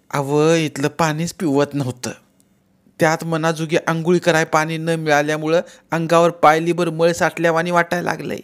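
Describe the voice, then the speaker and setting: A man's voice: a little high, voice pushed up, close to an everyday voice. A man doing a plaintive young village wife. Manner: plaintive, gentle.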